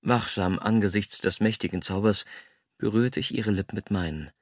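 A man reading a first-person story aloud in a calm, measured, intimate way. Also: fairly low pitch, no echo, studio quality. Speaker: audiobook narrator. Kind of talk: scripted first-person narration.

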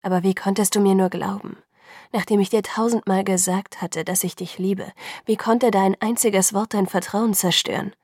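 Woman doing a lovesick guy pleading softly, husky hushed voice, dry sound. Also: medium pitch, fairly even intonation, moderate pace, dry recording, close to an everyday voice. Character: intense, remorseful young man in love.

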